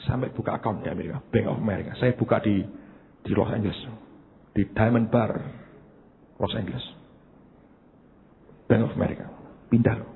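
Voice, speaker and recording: A man's voice: on the low side, normal speed, vocal fry, long pauses. A middle-aged man with a Javanese accent preaching a sermon as a pastor, telling stories with emphatic asides to his congregation. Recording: echoey hall, narrow phone-like sound, faint hiss.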